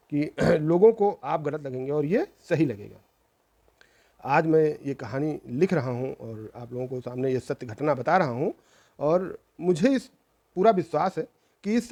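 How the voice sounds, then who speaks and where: With a slightly high voice and a darkish tone, a middle-aged man who runs his own channel earnestly relates a true family account. He scolds and moralizes along the way, repeating phrases to stress them.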